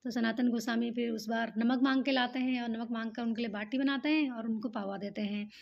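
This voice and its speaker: A woman's voice: fairly high pitch, steady tone, fairly quick, gravelly. A woman telling a devotional temple legend in plain spoken narration with fillers. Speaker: storyteller. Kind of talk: devotional storytelling. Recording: dull lo-fi recording.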